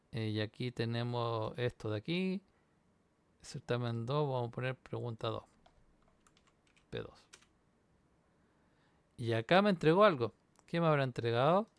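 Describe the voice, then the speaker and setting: A man's voice: mid-range voice, animated, measured pace, vocal fry, pauses often, clear, resonant tone, no room sound. A university instructor, walking through a programming exam solution on screen and checking in with the class as he goes. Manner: explains step by step, checks in with "¿sí?". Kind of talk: screen-recorded coding walkthrough.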